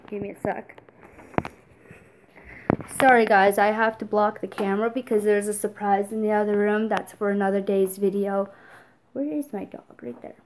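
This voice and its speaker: A woman's voice: medium pitch, background noise. A young adult woman vlogging casually, tearful and rambling, with lots of fillers as she tells a story.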